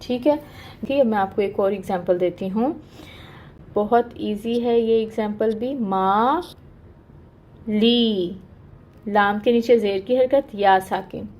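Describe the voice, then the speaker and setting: A woman's voice: medium pitch, slow pace, pauses often, darkish tone, highs cut off, slight background noise. A woman teaching Quran recitation in an online lesson. She explains patiently, step by step, checks in with "okay" and draws out the sounds she demonstrates.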